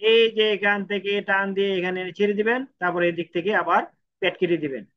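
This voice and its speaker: Male language tutor, high bright voice, lo-fi sound, patient stroke-by-stroke delivery. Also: fairly even intonation, fast, slight background noise. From Bangladesh. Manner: repetitive, counts out each stroke. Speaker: Japanese language teacher. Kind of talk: step-by-step writing lesson. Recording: dull lo-fi recording.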